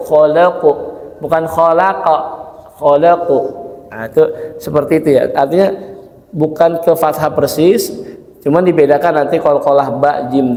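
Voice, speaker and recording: High-voiced man teaching in an echoey mosque. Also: dark tone. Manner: asks rhetorical questions, demonstrates slow recitation. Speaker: Quran recitation teacher. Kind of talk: casual religious lesson. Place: mosque hall. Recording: echoey mosque hall with long reverb.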